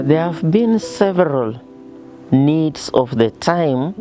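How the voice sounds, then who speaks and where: A religious sister from the association speaking in a measured, deliberate way in a documentary interview. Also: female voice, a bass voice.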